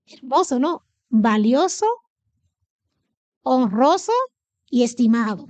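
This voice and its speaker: A woman's voice: on the high side, lively intonation, slow, a little mellow, dry recording. A woman from the Dominican Republic with a Dominican accent, preaching a sermon in church and answering her own questions to the congregation. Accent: Dominican Spanish. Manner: asks the congregation questions and answers them herself.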